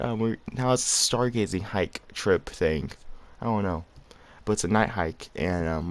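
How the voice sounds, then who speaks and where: A man casually telling a personal story to his viewers, slangy and rambling, often chuckling as he goes. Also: fairly low pitch. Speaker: vlogger.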